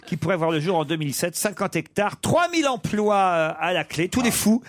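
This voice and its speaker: A French man hosting a comedy radio panel, quizzing guests with teasing, animated questions. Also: sits high, brisk. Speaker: radio show host. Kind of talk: quiz-style banter on a comedy radio panel.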